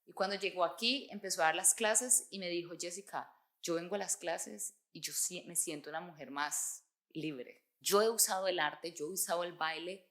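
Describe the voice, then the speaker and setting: Her voice is lowish and a bit bright, moving at a moderate pace with few pauses. She is a twenty-something Colombian woman, a football fan who teaches dance, speaking expressively with a Colombian Spanish accent in a documentary interview.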